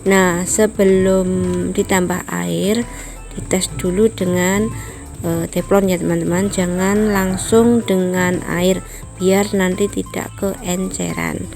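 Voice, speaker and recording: A woman's voice: lowish voice, fairly even intonation, slow pace, gravelly. A woman hosting a home cooking tutorial in her kitchen, chatting to viewers as friends and explaining each step. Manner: apologetic, explanatory asides. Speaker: home cooking channel host. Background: distant loud music from a rehearsal.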